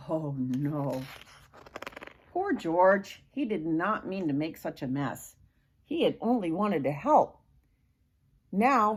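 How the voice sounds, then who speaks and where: Speaking at a medium pitch with a darkish tone, a grandmother reads a storybook aloud. She adds expressive, dramatic touches and turns to address her young audience now and then.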